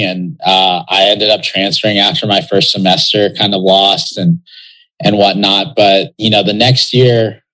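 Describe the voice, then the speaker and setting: In a low-quality recording, a Texan soccer pro in his youth muses loosely through a casual interview, leaning heavily on fillers. He has a lowish voice with a fairly bright tone.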